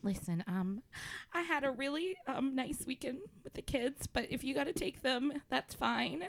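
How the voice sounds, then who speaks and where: A woman's voice: sits high, moderate pace, vocal fry. Woman playing a protective bird mom. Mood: sheepish. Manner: defensive, scolding, then sheepish. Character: fiercely protective mother of half-bird babies. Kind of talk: improv comedy sketch.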